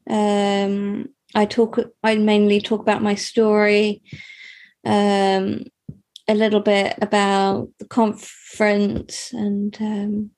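Young woman, slow halting interview answers, flat voice, lots of ums. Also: mid-range voice. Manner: hesitant, many fillers and restarts. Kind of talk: personal interview.

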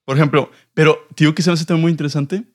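A man's voice: on the high side, fairly even intonation, rapid-fire, a little mellow. Slangy young northern Mexican man. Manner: slangy, informal, swearing. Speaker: podcast co-host. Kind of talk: casual chat.

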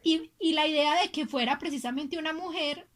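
Woman, high voice, podcast co-host, chatty gossipy storytelling. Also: moderate pace, fairly bright tone. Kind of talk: casual chat.

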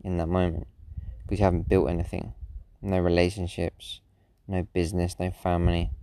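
A man's voice: low-pitched, level tone, moderate pace, smooth, no room sound, poor audio. A man in his late twenties talking alone in a rambling, reflective monologue as a podcast host, sleepy and yawning. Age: 20s. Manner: rambling, musing, frequent self-restarts. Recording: loud background noise.

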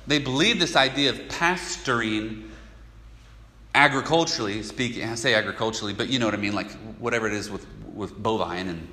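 A man's voice: medium pitch, pushed and bright. A man preaching a sermon as pastor, conversational and emphatic, with casual asides. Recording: echoey hall with long reverb.

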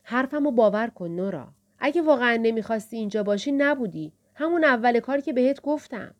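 A woman narrator voicing a calm, firm older woman librarian who reasons patiently. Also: a little high, close to an everyday voice.

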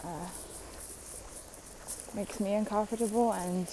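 Young woman, slow chatty rant, mellow voice, blunt, swears. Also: medium pitch, steady tone, slight background noise, poor audio. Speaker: vlogger. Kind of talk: casual venting monologue.

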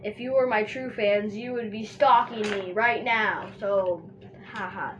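A woman talks to her viewers while drawing, in a slow, unhurried ramble that keeps circling back on itself. She jokes around and scatters "like" through nearly every sentence. The sound is dull and muffled, with a steady hiss of noise underneath. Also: mid-range voice. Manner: chatty and joking, says "like" constantly. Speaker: vlogger drawing on camera. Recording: dull, noisy home recording.

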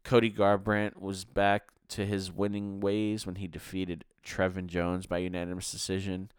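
A man's voice: low-pitched, completely flat delivery, normal speed, clear, resonant tone, no echo, studio quality. A man hosting a podcast, giving a casual, chatty rundown of fight results and chuckling now and then. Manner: chatty, laughs between results. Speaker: podcast host. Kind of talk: casual fight review monologue.

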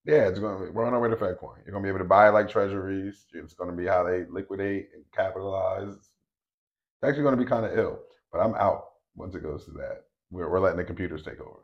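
A man's voice: deep voice, quick pace, dull audio. A man co-hosting a podcast in casual chat, making his points with emphasis and repeating them. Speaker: podcast co-host.

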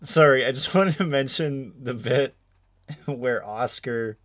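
Male co-host, casual podcast chat, retells scenes with animated high-pitched quotes. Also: slow. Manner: animated storyteller who acts out quotes in a high voice.

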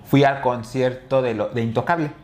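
A young man with a Mexican accent co-hosts a podcast, telling rambling stories in casual chat packed with fillers and restarts. His medium-pitched voice keeps a steady tone at normal speed.

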